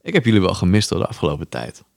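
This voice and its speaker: A man with a Dutch accent co-hosting a podcast in casual chat, swearing freely and getting excited. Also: deep voice, rapid-fire, vocal fry, no room sound, clean studio sound. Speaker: podcast co-host.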